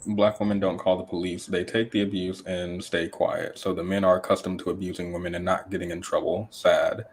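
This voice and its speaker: A man from the United States co-hosting a podcast, speaking deadpan in casual chat with many hesitant ums. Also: low-pitched, a little fast, slightly rough. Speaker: podcast co-host. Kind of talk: casual chat reading super chats.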